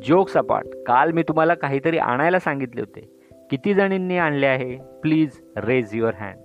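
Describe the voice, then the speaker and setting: A man's voice: medium pitch, expressive, a little slow. A man doing a showy flirty chef teacher. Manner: showy, mixes English phrases, flirty. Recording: dull lo-fi sound with faint music.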